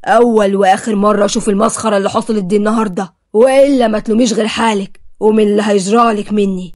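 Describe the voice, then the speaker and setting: A woman's voice: fairly high pitch, fairly even intonation, close to an everyday voice. A woman voicing a stern, jealous Upper Egyptian husband with an Upper Egyptian accent who speaks harshly and threateningly in a storybook reading. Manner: harsh, threatening, slow and heavy.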